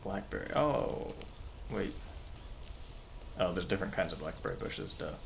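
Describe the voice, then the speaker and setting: A man's voice: sits low, expressive, normal speed, vocal fry, slight background noise. A man chatting casually while hosting a game livestream, bantering in an exasperated way. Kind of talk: casual gameplay chat.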